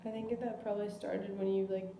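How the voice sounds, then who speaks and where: A woman's voice: mid-range voice, level tone, fairly quick, gravelly, background noise. A young woman answering interview questions casually, filling her speech with "like". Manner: casual, lots of 'like'. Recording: echoey room.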